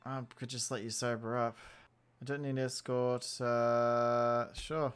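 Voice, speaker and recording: A man's voice: medium pitch, flat delivery, unhurried, fairly bright tone, clear, resonant tone. A man doing casual let's play commentary, playful and wry, reading dialogue choices aloud. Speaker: gamer playing and commenting.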